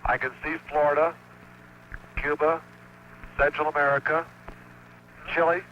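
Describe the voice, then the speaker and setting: A man's voice: a little high, flat delivery, a little slow, dull audio. A man, an astronaut, reporting over spacecraft radio to mission control. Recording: noisy band-limited 1960s spacecraft radio.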